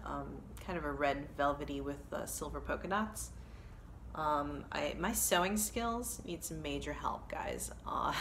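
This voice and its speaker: A cross-stitch vlogger in her thirties chats casually to a phone camera held at arm's length, sitting indoors in a living room scattered with kids' toys. She rambles, corrects herself and says um a lot. Her voice sits low and a bit bright, with slight background noise.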